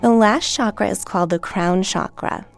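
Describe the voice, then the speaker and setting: A woman narrating a guided meditation in a calm, gentle, measured and soothing way. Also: mid-range voice, vocal fry. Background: relaxation track with music, dolphin and water sounds.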